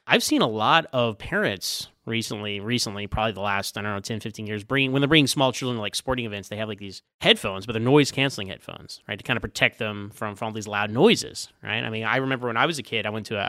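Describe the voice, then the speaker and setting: A man's voice: medium pitch, pushed and bright, no echo, studio quality. A man hosting a podcast, chatting casually with lots of "like" and "right". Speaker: podcast host. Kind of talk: casual interview chat.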